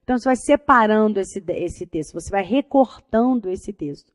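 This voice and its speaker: A woman teacher with a Brazilian accent giving an energetic, chatty lecture and addressing her students as a group. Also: mid-range voice, normal speed, no echo, clean studio sound. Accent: Brazilian Portuguese. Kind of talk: lively classroom lecture.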